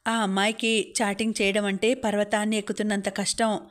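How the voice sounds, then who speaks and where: A woman's voice: medium pitch, little pitch movement, fairly quick. A woman narrating a novel as an audiobook, reading steadily and evenly. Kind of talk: scripted narration.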